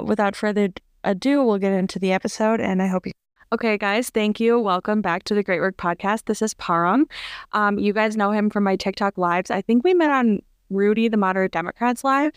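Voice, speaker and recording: A woman's voice: mid-range voice, smooth, no echo, clean studio sound. A woman hosting a podcast, talking in a chatty, loose way with fillers and restarts. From United States. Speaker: podcast host. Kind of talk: casual podcast interview.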